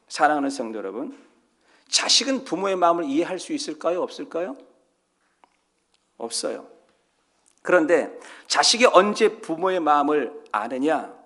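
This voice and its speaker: A man's voice: a little high, a bit bright. A man preaching a sermon as pastor in a church, telling a story with quoted voices and putting questions to the congregation. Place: church sanctuary.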